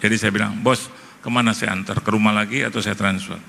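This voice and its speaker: A man's voice: lowish voice, steady tone, fast, gravelly, sharp tone, long reverb tail, slight background noise. A middle-aged man, preaching a testimony as a pastor, acting out both sides of the dialogue. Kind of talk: sermon testimony.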